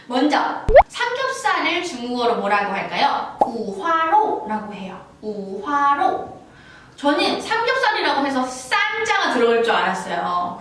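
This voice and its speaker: A woman's voice: sits high, fairly bright tone. A woman giving a casual language lesson, chatty and playful, acting out little scenes as she explains phrases. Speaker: Chinese language teacher. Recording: roomy, from a distance, faint background noise.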